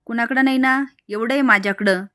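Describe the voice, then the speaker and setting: A woman's voice: fairly high pitch, a little fast, a bit bright, smooth, dry recording, studio quality, lightly acted. Woman doing a bossy proud mother-in-law. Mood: boastful. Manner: boastful, scolding. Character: domineering proud middle-aged mother-in-law.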